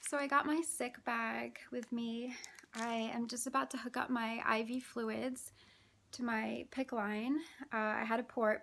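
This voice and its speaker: A woman talking casually to her vlog viewers, exhausted and out of breath, with a weary, halting delivery and frequent sighs. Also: on the high side, fairly bright tone. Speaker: vlogger.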